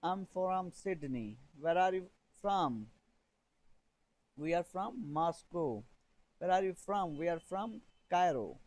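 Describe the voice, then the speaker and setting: Slow, deliberate male English teacher. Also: high-pitched, expressive, a little mellow, poor audio. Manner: slow, deliberate, repeats phrases for learners to copy. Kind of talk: beginner English lesson, reading drill sentences.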